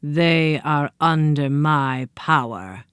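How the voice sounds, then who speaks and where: A woman voicing an evil, scheming male circus clown who talks slowly and gloats. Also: sits low, smooth, no echo, clean studio sound, voice pushed down. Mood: gloating. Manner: slow, gloating, menacing.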